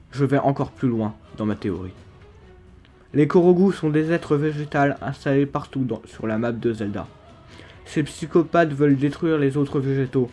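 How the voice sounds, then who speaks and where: A man's voice: mid-range voice, dark tone. A man with a lisp, slushy s sounds and slurred articulation, narrating humorous video game theories in a mock-serious, emphatic manner. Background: background music.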